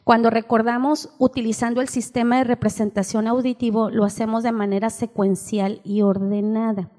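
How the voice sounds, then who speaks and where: A woman's voice: on the high side, warm tone. Older woman lecturing in a reverberant hall. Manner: explains while reading aloud, keeps asking ¿sí?. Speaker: teacher trainer at a church seminar. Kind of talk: seminar lecture. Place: church hall.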